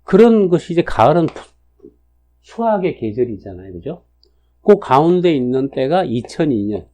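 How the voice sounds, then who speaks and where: This sixty-something lecturer on national fortune cycles talks in a casual, chatty way, dropping in lots of fillers and tag questions. He sounds mellow and very animated, pitched on the high side, at a moderate pace, captured on a dull lo-fi recording.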